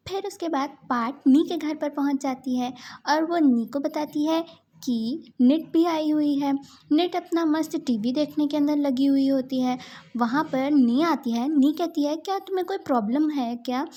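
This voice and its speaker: A woman's voice: high voice, measured pace, dark tone. A woman casually retelling the plot of a romance drama, slipping into the characters' quoted lines in a plain voice. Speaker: drama recap narrator. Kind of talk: casual story recap.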